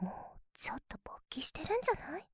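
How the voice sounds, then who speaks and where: A young woman voicing a mischievous invisible girl from the future, teasing in a breathy whisper close to the ear. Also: fast, fairly bright tone, no room sound, lightly acted. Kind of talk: ASMR whispering roleplay.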